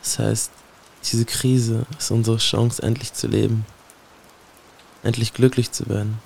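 Gravelly, flat-voiced man reciting brooding poetry. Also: lowish voice, unhurried, a little hiss or hum. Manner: solemn, brooding, addresses a listener directly. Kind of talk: spoken-word poetry recitation.

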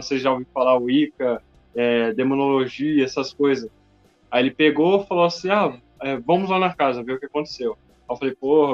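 Fast-talking slangy young Brazilian man. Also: fairly high pitch. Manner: slangy, peppers speech with "mano" and "tá ligado". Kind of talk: casual chat. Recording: dull lo-fi recording with faint music.

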